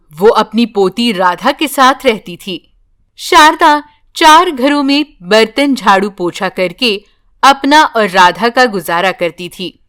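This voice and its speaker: Female storybook narrator, slow, calm, high-pitched.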